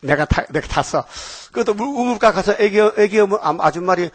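A man's voice: sits high, expressive, fairly quick, dry recording. An older man preaching a folksy sermon, telling homely stories and often asking the congregation "eh?" for agreement.

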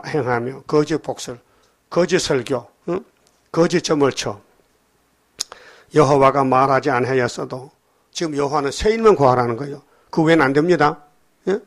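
Male pastor preaching, folksy, keeps quizzing the congregation, fairly high voice. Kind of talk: sermon.

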